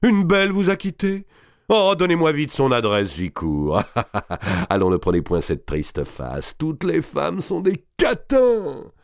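A man reading an audiobook and voicing a boisterous, crude, scheming giant nobleman who talks loudly, mocks and laughs often. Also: on the high side, huge pitch swings, slow, no room sound, clean studio sound, voice pushed up, heavily acted. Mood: jeering. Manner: loud, mocking, bawdy, with bursts of laughter. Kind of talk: audiobook reading of a historical novel.

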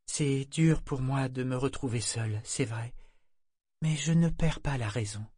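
A man voicing a young woman sailor disguised as a boy in a storybook reading; he keeps her quiet, steady and earnest. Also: mid-range voice, a little slow, breathy edge, no room sound, clean studio sound. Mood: calm. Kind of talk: audiobook character reading.

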